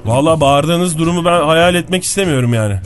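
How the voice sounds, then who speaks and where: A man's voice: fairly high pitch, expressive, a little fast. A man co-hosting a morning radio show, chatting casually with dry, teasing remarks and frequent laughter. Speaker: radio co-host.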